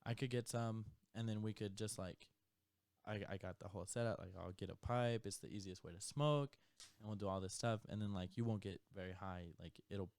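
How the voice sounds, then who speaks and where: A man's voice: fairly low pitch, fairly quick, darkish tone, dry recording. Laid-back young man telling stories. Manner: laid-back, storytelling, laughs often. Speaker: podcast co-host. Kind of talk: casual chat.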